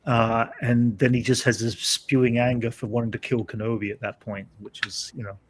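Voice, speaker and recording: A man's voice: medium pitch, little pitch movement, fairly quick, slightly rough. Male podcast host, mid-range voice, rambling casual delivery. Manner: rambling, hesitant, lots of fillers and restarts. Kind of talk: casual pop-culture chat.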